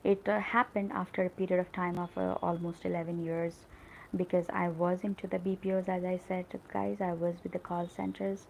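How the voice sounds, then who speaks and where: A middle-aged woman speaks with an American-tinged accent in an earnest, encouraging live stream on learning English. Her voice sits on the low side with a gravelly fry, and a faint hiss runs under it. She often stops on fillers like "uh" and "you know". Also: flat delivery, a little fast, darkish tone, low-quality recording. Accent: American-tinged English learned in call centers. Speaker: English teacher. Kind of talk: live-stream motivational talk.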